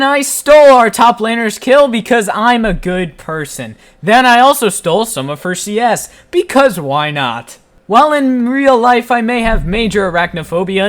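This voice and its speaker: A man narrating his own gameplay in a voice-over, playful and self-mocking with deadpan jokes. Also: high-pitched. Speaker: gaming channel host. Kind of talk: joking gameplay commentary voice-over.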